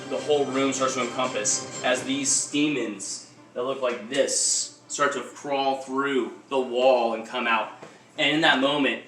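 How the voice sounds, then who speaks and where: A man running a tabletop game as game master, narrating dramatically and bursting into loud shouted lines. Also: mid-range voice, roomy sound, far from the mic, low-quality recording.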